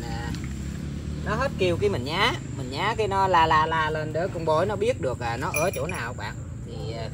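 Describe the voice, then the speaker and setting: A man talking casually to his viewers outdoors, rambling with many filler pauses. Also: fairly high pitch, background noise. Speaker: bird-trapping vlogger. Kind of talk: casual outdoor vlog narration. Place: outdoors in countryside.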